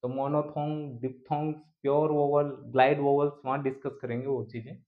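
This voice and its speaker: A man's voice: mid-range voice, flat delivery, normal speed. A male teacher giving an exam prep lecture, who keeps asking questions and answering them himself and mixes English terms into his explanations. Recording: echoey room, dull lo-fi sound.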